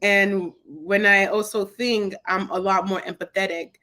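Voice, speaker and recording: A young woman from Cameroon, a guest on a video call interview, speaking in a reflective, soft-spoken way with many fillers. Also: mid-range voice, fairly even intonation, unhurried. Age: young adult. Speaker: guest, podcast host.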